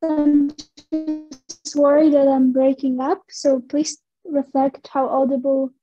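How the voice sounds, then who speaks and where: A woman's voice: sits high, flat delivery, takes it slowly, dark tone. A woman asking hesitant questions in an online class, her voice choppy and dropping out over a poor connection. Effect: choppy connection, voice breaking up and dropping out. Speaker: class participant on a video call. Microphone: computer or phone on a video call. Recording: dull, lo-fi, breaking-up call audio with faint music.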